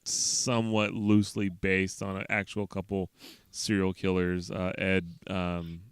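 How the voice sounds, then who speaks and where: A man's voice: sits low, little pitch movement, a little slow, clear, resonant tone, no echo, clean studio sound. A man casually hosting a podcast, loose and rambling, laughing often. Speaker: podcast host. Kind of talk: casual chat.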